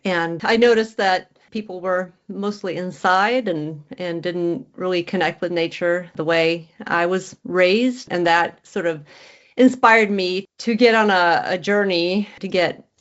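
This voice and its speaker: A middle-aged woman with a Swedish accent answers interview questions in an earnest, thoughtful manner and sometimes restarts a phrase. Her voice sits on the low side. The audio is dull and lo-fi. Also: steady tone, unhurried. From Sweden. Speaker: guest author.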